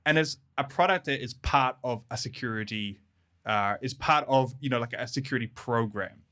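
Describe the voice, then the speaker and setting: On a casual podcast, a friendly developer advocate from New Zealand talks at a moderate pace in a bright voice of medium pitch. He laughs often and his speech is full of fillers and restarts.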